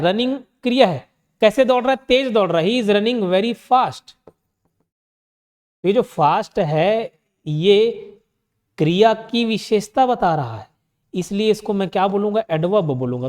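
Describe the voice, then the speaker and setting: A man with an Indian accent teaching English grammar, asking his own questions and answering them, reading the example sentences out slowly. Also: high voice, long reverb tail. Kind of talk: online exam-prep lesson.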